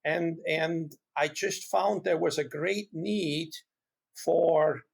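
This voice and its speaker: A middle-aged man from Switzerland with a Swiss accent, a guest talking casually in an interview, halting and earnest, often repeating his words. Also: a little high, steady tone, vocal fry, slightly rough. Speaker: guest, hoof care expert.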